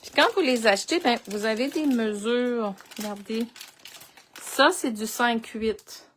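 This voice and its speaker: A woman's voice: fairly high pitch, a little slow, fairly bright tone, slight background noise. A woman with a Québécois French accent leading a live crafting tutorial, chatting and thinking aloud as she works. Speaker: crafting instructor.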